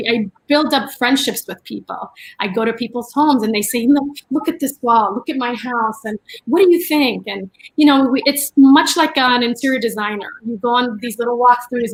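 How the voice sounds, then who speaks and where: A woman's voice: fairly high pitch, low-quality recording. A middle-aged woman from the Dominican Republic, raised in New York, chatting as a guest about her art career with lots of fillers. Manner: chatty, animated storytelling with fillers. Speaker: guest, art dealer and curator. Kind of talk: casual chat.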